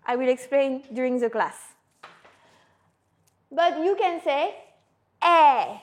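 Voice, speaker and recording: A woman teaching a beginner lesson, pronouncing words slowly and clearly, with playful asides. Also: high voice, expressive, darkish tone. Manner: slow, exaggerated pronunciation with playful asides. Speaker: French teacher. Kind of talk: language lesson mixing French and English.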